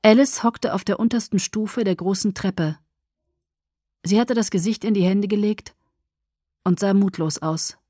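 A woman reading a novel aloud as audiobook narrator, in even storytelling narration. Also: mid-range voice, measured pace, long pauses, no echo, studio quality. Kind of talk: scripted narration.

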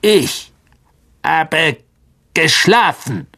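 A man voicing an ancient, blind, irritable giant male spider in an audiobook, with slow, drawn-out, menacing speech and a gravelly, husky tone. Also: fairly high pitch, lively intonation, bright, forceful tone, voice pushed up, exaggerated voice. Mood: irritated. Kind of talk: audiobook character voice.

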